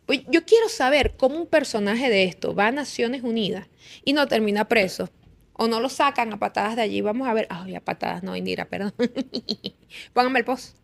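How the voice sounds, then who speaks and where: A Venezuelan woman hosting a political talk show, with a voice pitched a little above the usual. She talks emphatically and with indignation, firing off rhetorical questions as she comments. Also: normal speed, creaky.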